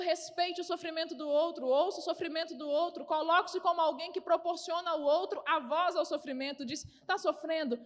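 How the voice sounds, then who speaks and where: High-voiced woman pastor preaching. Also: long reverb tail. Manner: earnest, repeats phrases for emphasis. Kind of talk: sermon.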